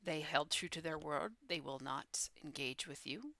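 A woman narrating as dungeon master of a tabletop game, measured and deliberate. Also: sits low, animated, pushed and bright, no echo.

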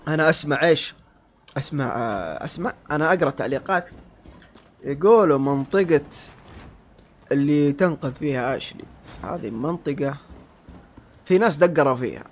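A man giving let's-play commentary, yelling insults at enemies and then dropping to low muttering. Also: lively intonation, normal speed, long pauses. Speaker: gamer.

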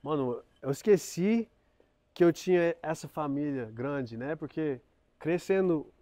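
Here the same Brazilian-born, US-raised guest sounds fairly high and expressive, his tone warm and his delivery a little slow. Seated on a couch out on a driveway, he chats casually but hesitantly, frequently searching for the right word.

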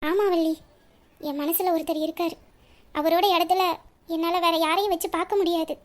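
A woman voicing a hesitant young bride-to-be, high and soft. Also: fairly even intonation, moderate pace. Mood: confessing. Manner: hesitant, evasive, subdued. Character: troubled young bride-to-be, secretly in love. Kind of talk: audio story reading.

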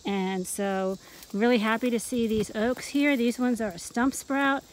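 A woman's voice: on the high side, fairly even intonation, a little slow, slight background noise. A woman, an extension forester and host, pointing out seedlings in a young forest outdoors in an informal way, close to the camera. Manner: informal, pointing out plants, asking questions. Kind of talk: outdoor field explanation.

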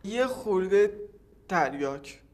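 A man's voice: high voice, expressive. An actor playing an evasive man being questioned, who answers hesitantly and backtracks.

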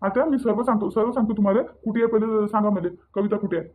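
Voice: mid-range voice, fairly even intonation, quick pace, phone-quality sound, lightly acted. A performer voicing an earnest young husband who pleads and defends himself, with a Varhadi Marathi accent. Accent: Vidarbha Marathi (Varhadi). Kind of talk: cartoon voice acting.

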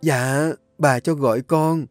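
A man's voice: on the high side, fairly even intonation, slow pace, no echo, faint music behind, voice pushed up. A timid young maid in an audio story defends herself in a light, raised voice, as a man puts her on. She speaks meekly. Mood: defensive. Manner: meek, explaining.

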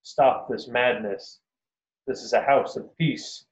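A man voicing a calm male meditation leader who speaks slowly and solemnly, calling for peace, in a roomy, dull lo-fi recording. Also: medium pitch, natural voice. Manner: slow, commanding, solemn.

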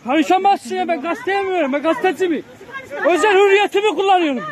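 Man, defiant, shouting, outdoors, distant camera mic, loud crowd, heavy noise. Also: extremely high pitch, fast talker. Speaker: man filming at a protest. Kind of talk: heated argument. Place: outdoors at a rural protest.

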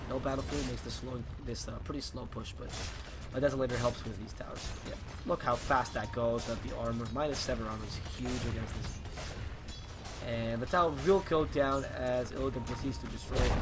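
A man with a raspy, hoarse voice, commentating a live online game match as its caster. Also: mid-range voice. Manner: builds to fast excited shouting during fights. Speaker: esports caster.

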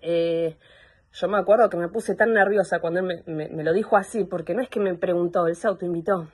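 A young woman with an Argentine accent gives personal testimony over a video call, halting and searching for words. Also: fairly low pitch, a little mellow, husky. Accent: Argentine Spanish. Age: young adult. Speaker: complainant in a psychological assessment.

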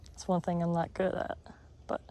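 A man's voice: high voice, monotone, moderate pace, warm tone. A man vlogging while he fishes at a pond, talking in a casual, rambling way and correcting himself, recorded on a chest-mounted camera outdoors. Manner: rambling, self-correcting, offhand. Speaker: fishing vlogger. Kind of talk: casual outdoor fishing commentary.

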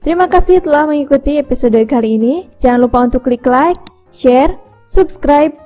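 High voiced woman doing an ad read, mellow tone, music quietly behind. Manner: even, upbeat sales voice-over, numbers read slowly. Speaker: ad narrator. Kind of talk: scripted product ad read.

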